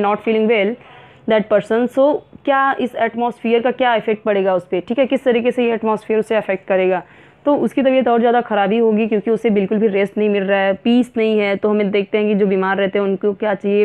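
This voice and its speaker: A woman teaches a school science lesson at a middle pitch. She reads English lines slowly, then breaks them down in Hindi with many pauses and fillers. The recording is narrow and tinny, like a phone line. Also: clear, resonant tone. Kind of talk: classroom lesson explaining a textbook.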